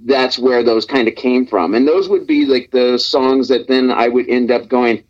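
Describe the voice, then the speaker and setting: Heard through a dull, muffled speakerphone, a Nebraska man guesting on a radio show chats in an easygoing, rambling manner with lots of fillers and restarts. His voice is medium-pitched and a little mellow, at a moderate pace.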